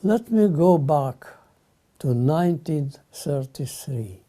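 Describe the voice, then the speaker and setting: An older man from Lithuania, giving solemn spoken testimony in short, halting phrases. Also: fairly high pitch, animated, mellow.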